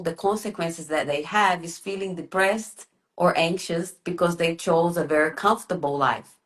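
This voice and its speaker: A woman with a fairly low voice speaks as a trance medium in a seance manner. She delivers spiritual guidance in formal, measured phrases, as if counseling one seeker directly. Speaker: trance channeler leading a session.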